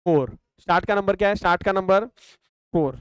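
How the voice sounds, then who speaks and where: A young man with an Indian accent teaches a math lesson in a fairly quick, smooth voice that sits high, switching between Hindi and English. He poses questions to his class and answers them himself, talking over calculator steps and counting terms aloud. The recording is dry.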